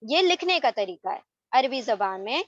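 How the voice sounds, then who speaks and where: A woman's voice: on the high side, big pitch swings, dry recording, lo-fi sound. A woman teaching a beginners' Arabic grammar lesson, explaining slides and often checking that her students follow. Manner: mixes English terms into her Urdu, checks in with "theek hai?".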